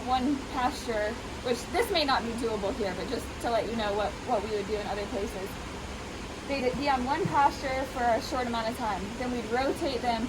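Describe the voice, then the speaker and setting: A woman explaining animal treatment casually and informally, her voice slightly muffled by a face mask. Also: a little high. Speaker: veterinary professional treating goats. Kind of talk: casual explanatory talk to camera. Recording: noisy, steady rushing background hiss.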